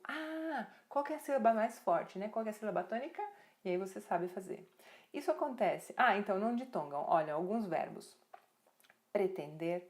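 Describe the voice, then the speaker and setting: A woman teaches Spanish grammar with a lively voice at an ordinary pitch. She reads verb forms out one by one and keeps checking in with her learners. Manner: lively, repeats verb forms slowly, many tag questions.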